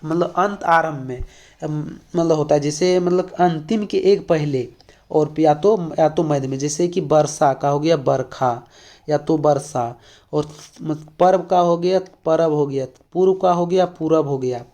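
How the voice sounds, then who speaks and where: A man's voice: a little high, measured pace, mellow. Man teaching an exam-prep lesson. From Jharkhand, India. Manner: explains with many fillers and repeated questions.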